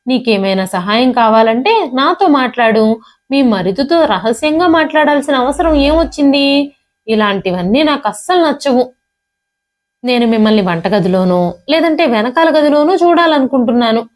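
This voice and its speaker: A woman's voice: high-pitched, lively intonation, normal speed. A woman doing a scornful, haughty young wife. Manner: sharp, contemptuous scolding. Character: scornful proud young wife, cold to in-laws.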